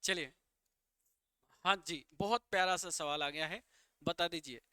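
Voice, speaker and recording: Man, teacher, live online vocabulary lesson, bright tense voice, coaxing viewers. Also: a little high, a little slow, smooth, no echo. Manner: explains English words in Hindi, coaxing viewers to comment.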